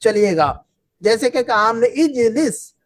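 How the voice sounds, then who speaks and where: A woman's voice: fairly high pitch, expressive, slow. Woman teacher drilling a class. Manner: repetitive, drills students with questions. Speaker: Arabic teacher. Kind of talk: classroom lesson.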